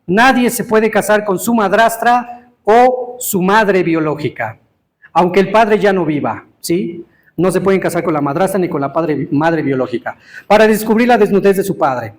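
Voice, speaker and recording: A man giving an interactive Torah teaching to a live congregation, quizzing listeners and stressing words slowly. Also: sits high, expressive.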